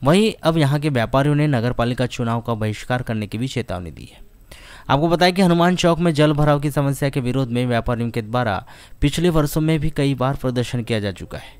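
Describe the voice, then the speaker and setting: A man reading a scripted local news report as voice-over in a formal, even manner. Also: mid-range voice, a little fast, smooth, no room sound.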